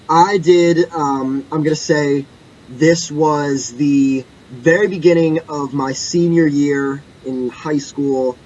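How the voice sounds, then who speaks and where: A man's voice: fairly high pitch, darkish tone. Rambling young man on a muffled podcast mic. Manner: rambling, self-correcting storyteller. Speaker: podcast co-host. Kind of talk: casual podcast chat. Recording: muffled lo-fi mic with faint background noise.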